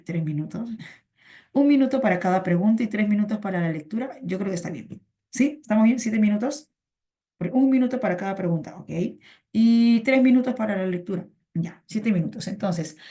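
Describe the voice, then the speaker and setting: Mellow-voiced woman teaching a chatty online class. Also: mid-range voice. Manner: chatty, repeats phrases, calls students "chiqui". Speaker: pre-university verbal reasoning teacher.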